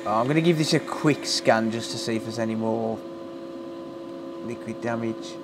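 With a mid-range voice at a moderate pace, a British man bantes bluntly, swearing and joking, while he works at an indoor electronics repair bench. He's hosting a live stream of casual chat as he repairs, and the audio is noticeably noisy.

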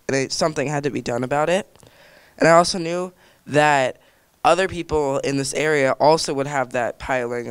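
A teenage boy talks earnestly on a panel, sometimes pausing to find his words. His voice is clear and smooth, captured dry and close on a handheld mic indoors. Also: medium pitch, no echo. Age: teens. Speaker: nonprofit founder. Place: indoor room. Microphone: handheld microphone.

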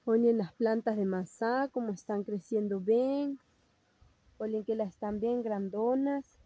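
A woman's voice: on the high side, warm tone, poor audio. A young woman vlogging from her rural mountain home, chatting directly to viewers as she shows things around her on a phone camera. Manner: chatty, slow and explanatory, addresses viewers directly. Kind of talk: casual show-and-tell narration. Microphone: phone camera held by speaker.

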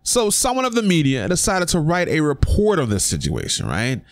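A man's voice: fairly high pitch, wildly swooping pitch, normal speed, no room sound. A young man talking casually on his own vlog, giving his opinion with emphatic rhetorical questions. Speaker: sports commentary vlogger. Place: indoor room.

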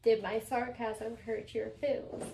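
A woman vlogger playing a whisper challenge game with her sister-in-law, mouthing phrases slowly and deliberately. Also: a little high, flat delivery, vocal fry, warm tone. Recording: echoey room with background noise.

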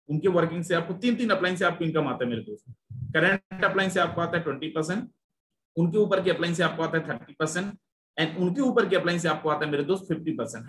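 A man presenting an investment plan in a persuasive sales pitch, repeating figures and mixing in English phrases. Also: fairly bright tone, roomy sound.

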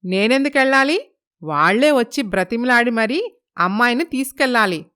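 A woman voicing a quick-tempered village mother who fiercely sides with her daughter, speaking loudly and indignantly. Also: a little high, lively intonation, clear, resonant tone. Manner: loud, indignant.

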